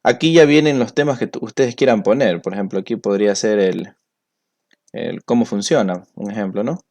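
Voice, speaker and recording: A man walks students through a software tutorial. He explains each step patiently, one click at a time, as a teacher would to a class. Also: fairly low pitch, quick pace. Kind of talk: screen-recorded software tutorial.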